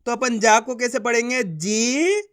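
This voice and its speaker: Clear-voiced man teaching reading slowly. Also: high voice, a bit bright. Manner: slow, drawn-out syllable sounding with repeated questions to the learner. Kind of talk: Hindi reading lesson for beginners.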